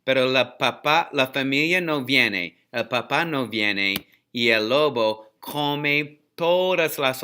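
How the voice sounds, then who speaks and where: A man narrating a very simple story for language learners, pausing between short, clear sentences. His voice is bright and his pace unhurried, with plain, mid-range pitch. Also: a little hiss or hum. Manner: slow, clear, repetitive.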